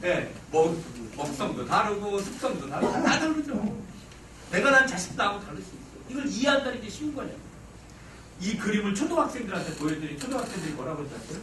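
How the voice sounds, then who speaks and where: A man giving a psychology lecture on parenting to a live audience, talking in an animated way. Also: sits high, fast, recorded from a distance, noisy background. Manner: animated, acts out mothers' lines with sudden shouts. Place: lecture hall. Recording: roomy hall sound from off-mic. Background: audience laughter.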